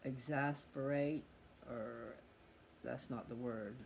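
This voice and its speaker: A middle-aged personal video channel host rambles casually and candidly in a reflective monologue aimed right at his listeners. He speaks slowly in a medium-pitched, steady voice, and background noise is clearly audible throughout.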